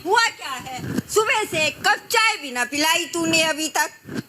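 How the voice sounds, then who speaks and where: A woman's voice: extremely high pitch, animated, a little slow, noisy background. A woman playing a bossy, nagging mother-in-law in an amateur comedy skit, scolding and wailing melodramatically.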